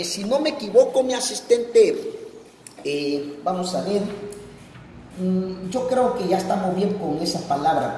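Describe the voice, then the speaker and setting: A fairly high-voiced man, teaching math in a relaxed, chatty way. He keeps talking to an assistant and counts the steps aloud. The room is echoey with a long reverb tail, and faint noise sits behind him. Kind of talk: informal math lesson.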